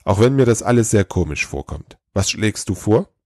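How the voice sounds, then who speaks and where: A man voicing a tired, kindly old Father Christmas who speaks slowly and gently. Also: fairly low pitch, animated, no echo, clean studio sound.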